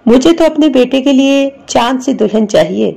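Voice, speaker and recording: Woman narrator voicing proud sharp-tongued mother, scolding, mellow low-toned voice, storybook reading. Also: animated, creaky, heavily acted. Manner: scolding, boastful.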